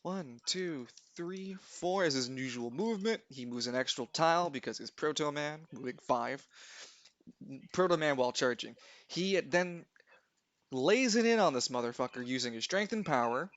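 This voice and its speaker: A man's voice: a little high, animated, normal speed, a bit bright, highs cut off. A man narrating a tabletop game as game master, speaking casually and swearing freely as he goes. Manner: informal, profane.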